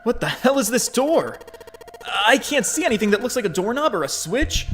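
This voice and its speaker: A man's voice: extremely high pitch, sing-song, normal speed, a bit bright, soft background music, pitched above the performer's own voice, exaggerated voice. A man voicing a nervous young man in a game reading, speaking in an anxious, exasperated way.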